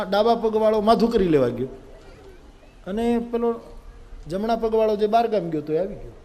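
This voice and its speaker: A man with a Gujarati accent telling a humorous religious story in a sermon, acting out the characters' lines. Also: high-pitched. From India. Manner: animated, acts out characters, audience laughter. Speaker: spiritual storyteller. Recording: long-reverb hall, live event.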